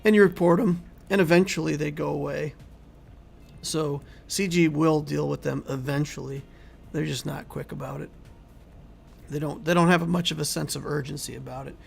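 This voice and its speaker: A man hosting a casual game livestream, reading and answering viewer chat in a rambling, conversational way while he keeps losing his voice and clearing his throat. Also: a little high, steady tone, normal speed, faint music behind. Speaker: YouTube game channel host.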